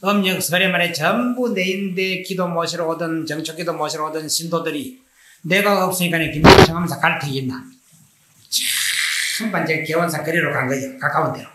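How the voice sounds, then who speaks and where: A man's voice: a little high, normal speed. A man with a Gyeongsang accent, a Buddhist monk giving a dharma lecture, telling anecdotes and acting out their dialogue. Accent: Gyeongsang Korean. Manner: animated storytelling, acting out dialogue. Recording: echoey room, faint hiss.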